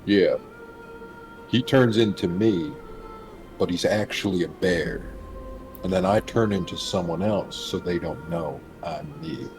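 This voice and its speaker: A man's voice: low voice, a little slow, long pauses, a little mellow. A man chatting casually as a player in a tabletop game. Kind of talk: casual chat. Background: music.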